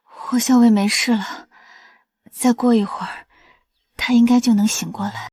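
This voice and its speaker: A woman voicing a devoted young healer who talks softly and earnestly. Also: a little high, fairly even intonation, measured pace, no echo, clean studio sound. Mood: tender. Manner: soft, earnest and caring.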